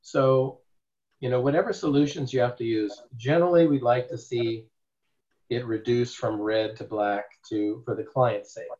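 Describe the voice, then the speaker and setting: A male therapist teaches a group in a loose, rambling way, leaning hard on his points and tossing out rhetorical questions. His voice sits at a middle pitch. The recording is dull and lo-fi. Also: steady tone, normal speed, a little mellow. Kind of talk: informal teaching talk.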